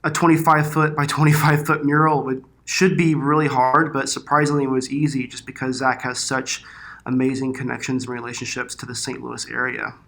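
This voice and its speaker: A man's voice: medium pitch, level tone, a little fast, gravelly, fairly bright tone. A man giving casual interview answers as a filmmaker guest, in informal, loosely phrased speech. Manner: informal, hesitant phrasing with frequent "like" and "you know".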